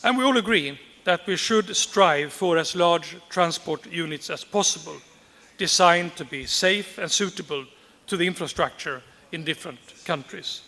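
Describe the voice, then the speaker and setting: Bright-voiced man giving a formal speech. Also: fairly high pitch, big-room sound. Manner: measured, deliberate, repeats key phrases for emphasis. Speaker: conference speaker.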